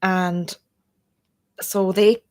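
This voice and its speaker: A woman vlogger from North East England speaks very slowly at a medium pitch, with little pitch movement and a slightly mellow quality. Chatting casually to camera with a somewhat froggy, chesty throat, she rambles from topic to topic.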